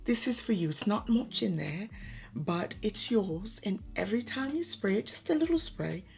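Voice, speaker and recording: A woman voicing a gracious, elegant older French woman with a soft, gentle delivery and an attempted French accent. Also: mid-range voice, animated, normal speed, gravelly. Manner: kind and gracious.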